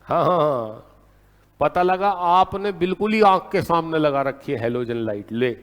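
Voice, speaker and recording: A man teaching a law lecture in a lively storytelling way, often checking in with his class. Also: fairly high pitch, a little slow, long reverb tail. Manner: lively storytelling, keeps asking "है ना?".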